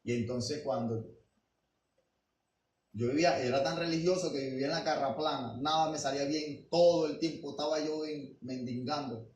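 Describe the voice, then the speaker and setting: A man preaching a sermon as pastor, emphatic and full of rhetorical questions, swinging between quiet asides and loud declarations. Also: on the high side, fairly even intonation, moderate pace. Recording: roomy and distant with faint background noise.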